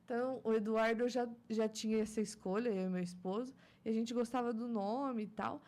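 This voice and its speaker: A woman's voice: fairly high pitch, fairly even intonation, a little fast, dark tone. A woman in her thirties from Brazil chatting casually about motherhood, laughing often and musing on faith. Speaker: guest mother. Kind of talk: casual chat.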